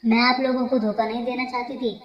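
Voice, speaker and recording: A heartbroken young woman in a storybook tale, speaking through tears, voiced by a woman. Her voice is high and sounds dull and roomy, as if recorded in an echoing space. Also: flat delivery, brisk, natural voice. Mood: tearful. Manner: tearful, sobbing.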